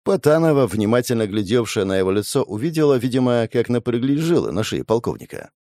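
A man narrating an audiobook in a measured, expressive storytelling manner. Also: medium pitch, no room sound, studio quality. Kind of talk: audiobook reading of a crime novel.

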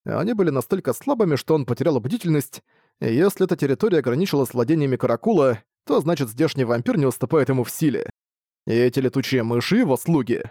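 A man narrating a fantasy audiobook with expressive storytelling. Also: medium pitch, quick pace, dry recording, clean studio sound.

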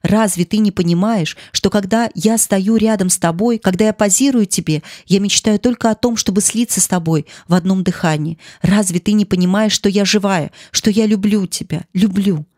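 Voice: medium pitch, moderate pace, few pauses, a little mellow, no room sound, studio quality, close to an everyday voice. A narrator voicing a passionate young woman pleading with her lover in an audiobook. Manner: pleading, impassioned. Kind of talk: audiobook character reading.

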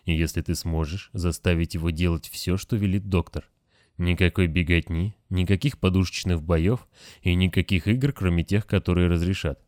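A man voicing a tired, kindly older male caretaker who talks gently and patiently. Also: low-pitched, moderate pace, no room sound, studio quality, natural voice. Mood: weary, gentle.

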